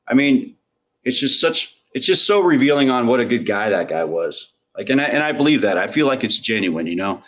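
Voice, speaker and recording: A man's voice: fairly low pitch, fairly bright tone. A forty-five-year-old man hosting a podcast, talking in a rambling, profane, joking way. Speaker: podcast host. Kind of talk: casual podcast chat.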